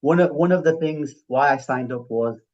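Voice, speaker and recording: A man's voice: on the high side, moderate pace, a little mellow, highs cut off. A middle-aged man with a broad Yorkshire accent, giving reflective, conversational interview answers and often checking for agreement. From Yorkshire, England. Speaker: interview guest, healthcare finance professional.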